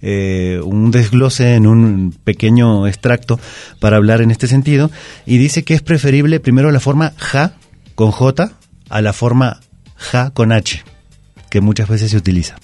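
Un hombre con acento mexicano, invitado experto en lengua, que explica reglas de ortografía en la radio con calma y tono didáctico. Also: male voice, medium pitch, a little slow, dry recording, soft background music. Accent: Mexican Spanish. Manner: patient, didactic. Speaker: language expert guest. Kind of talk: explaining spelling rules on radio. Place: radio booth. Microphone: studio microphone.

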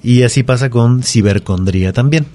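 A man appearing as a language guest on the radio, calmly explaining grammar rules step by step with examples. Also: mid-range voice, normal speed, slight background noise.

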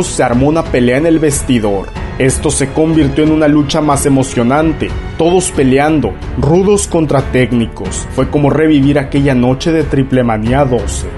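A man delivering scripted narration as the narrator of a lucha libre documentary. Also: fairly high pitch. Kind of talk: scripted narration recounting wrestling matches. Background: background music.

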